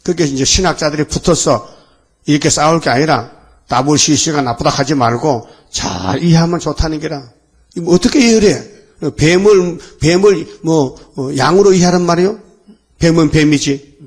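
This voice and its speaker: Fiery male preacher, fairly high voice. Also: normal speed, husky. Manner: rambling, fiery, with repeated rhetorical questions. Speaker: pastor. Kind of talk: dawn worship sermon.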